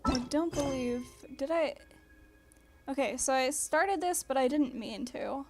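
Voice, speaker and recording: A woman's voice: sits high, a little slow, very noisy. A woman giving casual, informal gameplay commentary as a streamer, with some swearing. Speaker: game streamer. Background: game music.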